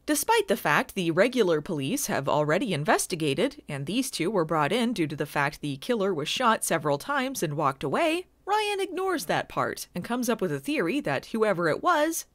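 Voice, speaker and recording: A woman recapping a TV episode with sarcastic, deadpan asides. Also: medium pitch, moderate pace, hardly any pauses, dry recording. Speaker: video reviewer. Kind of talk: comedic recap narration.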